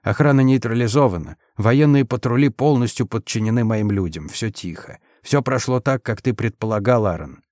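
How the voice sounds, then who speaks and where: Brief: man playing a granite-like commander, slow, heavy, emotionless. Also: medium pitch, darkish tone, no echo, clean studio sound, close to an everyday voice. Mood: measured. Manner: slow, measured, weighty. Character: stern massive male military commander, slow and impassive.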